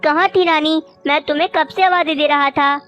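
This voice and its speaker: A woman's voice: sits high, steady tone, fairly quick, fairly bright tone, muffled recording. Woman doing a nice rich guy crow, earnest, cartoon, music behind. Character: wealthy, doting husband crow, male. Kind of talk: cartoon voice acting.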